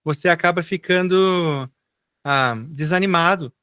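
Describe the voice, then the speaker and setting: A middle-aged man from Brazil teaches a live online English class, his voice bright and somewhat high. He explains patiently and has students repeat words back to him. The sound is dry and close. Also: a little slow, clean tone, no echo.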